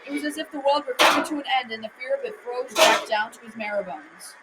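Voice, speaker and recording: A girl aged around 12 to 13 reads the narration of a folktale radio drama fast, in a fairly high voice with light acting, sometimes stumbling over words. The recording is a noisy amateur school production.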